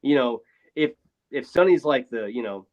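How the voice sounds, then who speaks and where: Man on a thin, bassless earbud mic. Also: expressive, moderate pace, muffled recording. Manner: rambling, frank, swears casually. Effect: thin boxy sound with no bass, like a phone booth. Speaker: podcast co-host. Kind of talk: casual sports chat. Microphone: failing wireless earbuds over a remote call.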